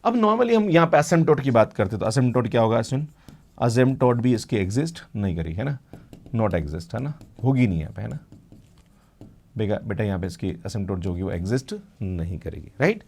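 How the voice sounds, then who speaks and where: Gravelly man lecturing on math. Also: lowish voice, animated, moderate pace, a little mellow. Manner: addresses students as "beta", constant "hai na" check-ins. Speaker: math teacher. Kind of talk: classroom lecture at a board.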